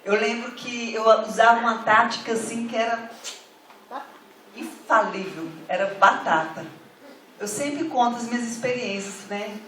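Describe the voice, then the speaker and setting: A middle-aged woman pastor preaches with fervor, her high voice swelling into emphatic calls to the faithful. She is recorded from a distance in an echoey church hall, with faint room noise behind her. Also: measured pace, fairly bright tone. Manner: fervent, builds to emphatic calls to the congregation. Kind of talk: sermon.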